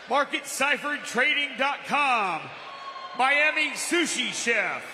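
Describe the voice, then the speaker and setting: A middle-aged man working as a ring announcer, booming out fight introductions with drawn-out, theatrical emphasis on a handheld microphone. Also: bright, forceful tone. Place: large event hall, boxing ring. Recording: echoey hall PA, some noise.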